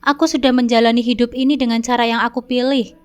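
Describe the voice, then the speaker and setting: A woman's voice: fairly high pitch, flat delivery, fast talker, clear, resonant tone, close to an everyday voice. A woman voicing a proud old village landlord. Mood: coaxing.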